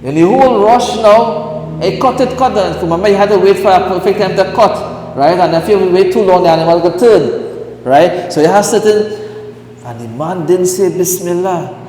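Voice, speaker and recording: A man's voice: sits high, darkish tone. Man lecturing in an echoey hall. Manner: repeats rhetorical "what?" and "right?" checks. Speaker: mufti teaching Islamic law. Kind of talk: religious class lecture. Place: mosque hall. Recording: roomy hall echo, faint hiss.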